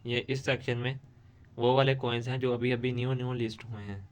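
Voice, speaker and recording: A man's voice: mid-range voice, steady tone, brisk, smooth. A man, hosting a screen-recorded tutorial and explaining steadily, with frequent restarts. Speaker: tutorial host.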